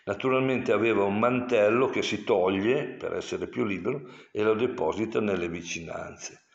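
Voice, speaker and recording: Older male priest, low gravelly voice, unhurried explanatory sermon with stern warnings, dull lo-fi tape. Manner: explanatory, digressive, sternly admonishing. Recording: dull lo-fi recording.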